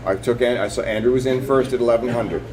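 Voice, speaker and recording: A man's voice: medium pitch, fairly even intonation, fast talker, crowd noise, low-quality recording. A man working as a live auctioneer, calling bids and increments in repetitive, clipped patter.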